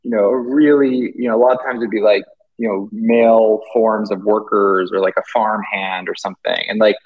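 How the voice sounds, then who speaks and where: A man's voice: on the low side, steady tone, normal speed, phone-quality sound. A British man, an artist guest, talking casually and hesitantly with many fillers and restarts. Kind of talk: casual interview chat.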